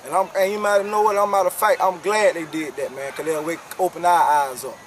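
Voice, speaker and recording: A man's voice: fairly high pitch, steady tone, brisk. A young man, a youth football coach giving a postgame interview outdoors at night, repeating words and adding "man" often. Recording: distant mic with crowd behind.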